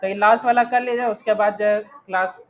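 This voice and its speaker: A man with a high voice teaches an Arabic grammar lesson online. He is patient and keeps asking whether his students follow. The recording is a little dull, with faint background hiss. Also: steady tone, a little fast. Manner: patient, checks in with "theek hai?" often.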